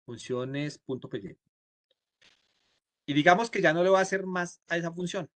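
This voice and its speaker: A man's voice: a little high, moderate pace, fairly bright tone, dry recording. A man from Colombia teaching a programming class live, explaining each step and checking with his students. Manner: acts out the computer's replies in quotes. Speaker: programming instructor.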